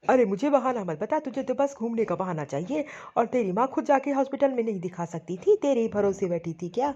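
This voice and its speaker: A woman's voice: a little high, lively intonation, fairly quick, dark tone. A woman voicing a short-tempered young husband in a cartoon story, harsh and scolding. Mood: angry. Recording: dull lo-fi audio.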